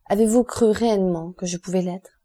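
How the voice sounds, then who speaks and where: A woman's voice: mid-range voice, fairly even intonation, a little fast, warm tone, lightly acted. A woman voicing an impulsive, grieving young man in an audiobook, speaking in a raised, emotional, exclaiming way. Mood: ardent.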